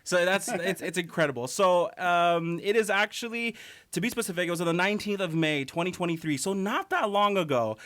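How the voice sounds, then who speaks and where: A man's voice: sits high, brisk, fairly bright tone. A man hosting a radio interview in a studio, enthusiastic, with many fillers and restarts. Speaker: radio host.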